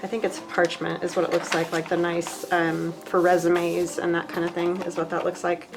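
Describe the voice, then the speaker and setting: A woman crafter chats through an unboxing in a slightly low voice. She gushes warmly over each item and thinks out loud as she works with her hands. Her talk is loose and casual, dotted with fillers. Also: monotone, normal speed, gravelly, over music, low-quality recording. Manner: chatty and gushing, with many fillers; thinks aloud while handling craft supplies. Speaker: craft vlogger.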